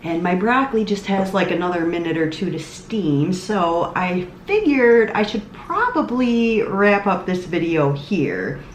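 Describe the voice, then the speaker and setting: A woman's voice: on the low side, very animated, a little slow, few pauses, slight background noise. Chatty woman food vlogger, echoey kitchen. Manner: chatty, laughs often. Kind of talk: casual food vlog narration.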